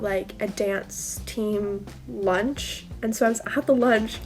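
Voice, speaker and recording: A young woman vlogger telling a casual storytime, chatty and full of fillers. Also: on the high side. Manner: chatty, many fillers, laughs while telling.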